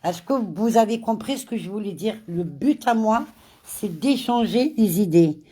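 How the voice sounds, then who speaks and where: This live stream host has a cold, and her mid-range voice sounds expressive with a dark tone. Chatting casually, she talks slowly, says words more than once, welcomes viewers by name, and mixes in Arabic greetings.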